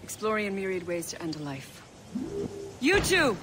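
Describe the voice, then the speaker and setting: A woman playing a stern female assassin teacher who gives orders in a dry, teasing way, heard as game audio under loud noise. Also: mid-range voice, big pitch swings, normal speed, lightly acted.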